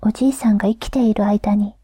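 A woman voicing a devoted young grandson, whispering earnestly and a little higher than her narration. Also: fairly even intonation, fast talker, dark tone, slightly rough, no room sound, lightly acted. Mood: pleading.

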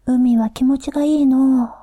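A woman voicing a simple, curious man from an old folk tale in a soft whisper with rustic old-style speech. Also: sits high, fairly even intonation, moderate pace, no room sound, studio quality. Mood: musing.

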